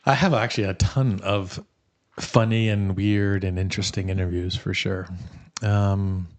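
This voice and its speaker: A man's voice: low-pitched, fairly even intonation, a little slow. A man co-hosting a podcast with his brothers, teasing and chatting easily. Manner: teasing, easygoing banter. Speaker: podcast co-host. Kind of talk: casual chat.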